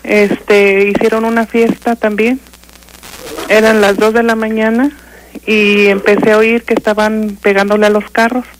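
An older woman with a Mexican accent, calling in to a radio show and haltingly telling a ghost story, full of fillers and restarts. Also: medium pitch, flat delivery, a little hiss or hum, rough recording. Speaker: caller.

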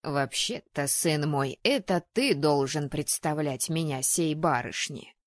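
A woman's voice: deep voice, slow, no echo, clean studio sound, voice pushed down. A woman voicing a cantankerous old male ghost who scolds and grumbles at everyone. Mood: grumbling. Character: grumpy old male ghost, a fussy disapproving father.

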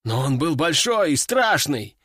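A man voicing a cheerful, eager young male recruit who answers in bright, chirpy exclamations. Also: a little high, big pitch swings, unhurried, no echo, clean studio sound, heavily acted. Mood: gleeful.

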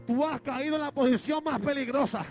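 High-voiced preacher shouting a sermon. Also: male voice, brisk. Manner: acts out a boxing match, shouting exhortations. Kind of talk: Pentecostal sermon. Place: church sanctuary. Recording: church service with music behind. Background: band music.

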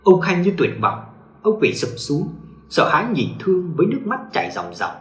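A man's voice: high-pitched, very animated, moderate pace. A man narrating a ghost story with dramatic storytelling. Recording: echoey room.

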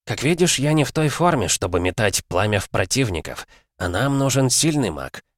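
A man's voice: medium pitch, big pitch swings, normal speed, no room sound, clean studio sound, pitched above the performer's own voice. A man voicing a stern old clan head who speaks in a grave, commanding way. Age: older.

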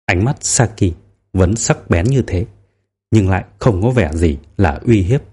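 Calm male audiobook narrator. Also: sits low, a little slow, breathy edge.

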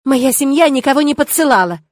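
A woman's voice: high-pitched, expressive, brisk, no room sound, voice pushed up. A woman reading an audiobook, voicing a brave young woman mentalist who speaks with indignant, protective pride.

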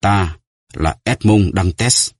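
A man's voice: low-pitched, breathy edge, dry recording, clean studio sound. Man doing a solemn, vengeful nobleman. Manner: grave, measured.

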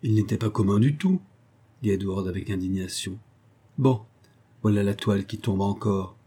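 A man voicing an eager, warm-hearted young English gentleman who speaks up earnestly for a friend. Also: medium pitch, husky, close to an everyday voice. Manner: earnest, indignant in defence of a friend. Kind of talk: audiobook character voice.

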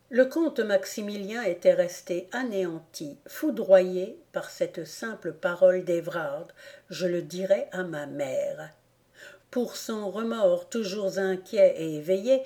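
A woman narrates an old novel in a measured, even storytelling manner. Her pace is slow and deliberate, and her voice has a dark, mellow tone. It is an audiobook reading. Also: medium pitch. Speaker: audiobook reader. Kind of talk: scripted narration of a classic novel.

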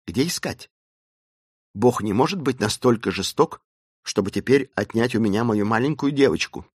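A man voicing a grieving old professor in an audiobook, speaking low and heavy with sorrow. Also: lively intonation, moderate pace, husky, no room sound, clean studio sound. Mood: anxious. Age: older. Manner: low, subdued, grief-stricken. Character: grieving old male professor, resolute yet hopeless.

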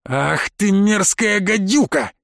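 An angry, defiant young hero, as a man reads him who hisses and shouts his insults. The voice sits a little high for a man and is recorded close and dry, with no room around it. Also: lively intonation, normal speed, no room sound. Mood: angry defiance.

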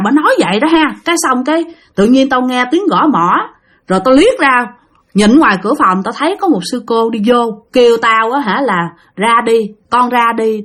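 Chatty Southern Vietnamese woman storyteller. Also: a little high. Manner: chatty, addresses listeners directly. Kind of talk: casual ghost story narration.

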